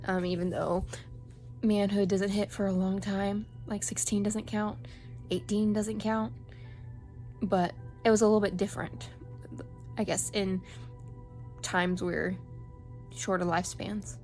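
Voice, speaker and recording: A woman's voice: medium pitch, little pitch movement, unhurried, pauses often, a little mellow, soft background music. A woman giving a casual, chatty solo book review as a reading vlogger.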